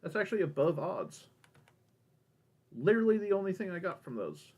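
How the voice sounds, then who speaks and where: A man's voice: sits high, sing-song, a little fast, darkish tone, slightly rough. Man with a lisp and whistling S sounds. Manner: rambling, thinks aloud. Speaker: gamer recording a let's play. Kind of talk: casual gameplay commentary.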